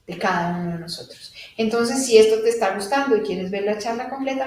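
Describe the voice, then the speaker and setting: A woman giving a live spiritual talk to an audience, animated and laughing as she acts out little dialogues. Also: a little high, slight background noise. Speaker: spiritual teacher. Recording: echoey room from a distant mic.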